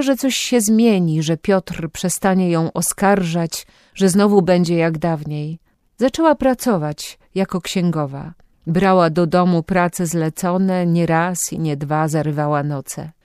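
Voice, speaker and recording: This is scripted audiobook narration by a woman whose voice runs lowish. She reads calmly and at a measured pace. The sound is dry and close-miked, and no room sound comes through.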